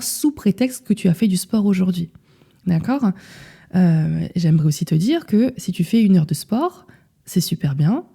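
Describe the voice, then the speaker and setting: A young woman hosting a nutrition podcast, talking casually and directly to the listener and often checking in with a quick question. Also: mid-range voice, gravelly, warm tone. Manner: casual, direct, addresses listener as tu, frequent "d'accord?". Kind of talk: solo podcast talk.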